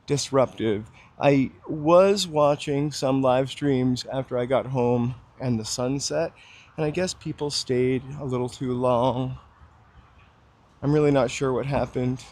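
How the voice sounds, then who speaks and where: A livestream walking host with a medium-pitched, darkish voice talks casually to viewers as he walks outdoors on a city street. He rambles with many fillers, and his voice is a little froggy, broken by a slight dry cough.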